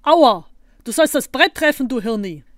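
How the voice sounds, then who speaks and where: A woman's voice: sits high, lively intonation, normal speed, dry recording, studio quality, pitched above the performer's own voice. A woman voicing a hot-tempered young monkey in a storybook reading. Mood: angry.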